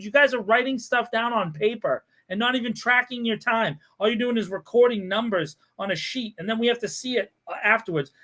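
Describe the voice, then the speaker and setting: A man hosting a podcast, ranting in a sarcastic, animated way with frequent laughter. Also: sits high. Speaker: podcast host. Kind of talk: casual podcast chat.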